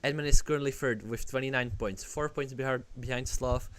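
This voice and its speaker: A man's voice: medium pitch, a little fast. Male sim race commentator, easygoing live chat, noisy stream audio with engine sounds behind. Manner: relaxed, chatty, reads viewer messages.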